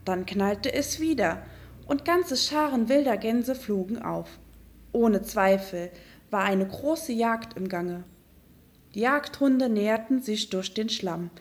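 Frau liest ein Märchen vor. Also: female voice, medium pitch, takes it slowly. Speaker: storyteller. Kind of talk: fairy tale reading.

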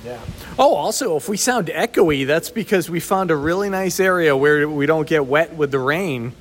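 A man with a slightly high voice and lively intonation speaks at a moderate pace as a podcast co-host. He teases casually and easily, with lots of chuckles. The recording comes from a sheltered outdoor spot, giving his voice a big, echoey reverb.

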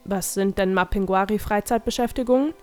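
A woman's voice: medium pitch, fairly quick, a little mellow, faint music behind, natural voice. Woman reading a puzzled young boy.

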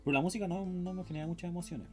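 A man's voice: high-pitched, racing, dark tone, soft background music. A young man with a Chilean accent, chatting casually and explaining things at length with plenty of slang. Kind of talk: casual chat.

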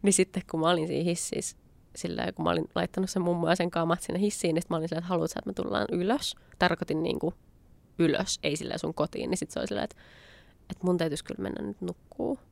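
A woman's voice: on the low side, fairly even intonation, vocal fry, darkish tone, dry recording. A young adult woman telling a personal anecdote in a chatty way, acting out what she said at the time. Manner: chatty, acts out her own past lines with quoted asides. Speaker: storyteller. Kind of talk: casual spoken anecdote.

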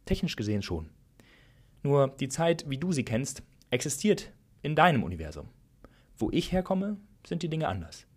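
Calm creator god, as a man reads him. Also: mid-range voice, moderate pace, slightly rough, voice pushed up. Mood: patient. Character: calm all-knowing creator god, patient and gentle. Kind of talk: storytelling reading.

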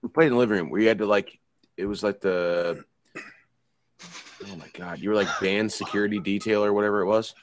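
This podcast co-host, a man in his thirties, rambles and curses while telling relaxed stories in casual chat. His voice is on the low side with fairly even intonation and a moderate pace, and he pauses often.

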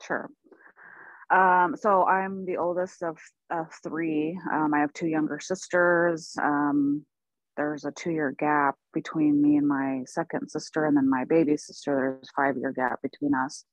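A woman in her forties from Oklahoma, talking softly and thoughtfully as a podcast guest, with many pauses and laughs. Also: sits low, fairly even intonation, no room sound, poor audio. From United States (Oklahoma). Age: 40s. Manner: soft-spoken, laughs often, thoughtful with many ums. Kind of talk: casual interview.

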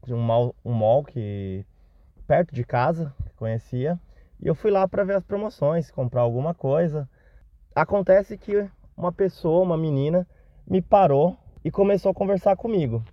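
A man's voice: medium pitch, no room sound, highs cut off. A man telling a self-deprecating Christmas anecdote as a listener in a recorded message. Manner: self-deprecating, animated retelling. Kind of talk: recorded anecdote, casual storytelling.

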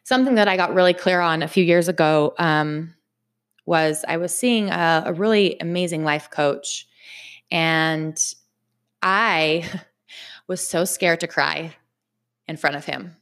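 A woman giving a casual motivational talk to her viewers, chatty and animated, repeating phrases for emphasis. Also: deep voice, measured pace. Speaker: vlogger.

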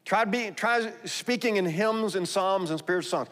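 Texan pastor preaching in a reverberant hall. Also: male voice, sits high, moderate pace, a bit bright. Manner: conversational, emphatic preaching with scripture readings. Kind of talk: sermon. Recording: long reverb in a large hall.

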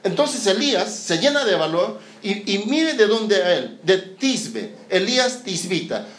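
Predicador chileno bromista con eco. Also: male voice, sits high, unhurried. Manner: lively, joking, acts out scenes. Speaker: preacher. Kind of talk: sermon. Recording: roomy echoing hall.

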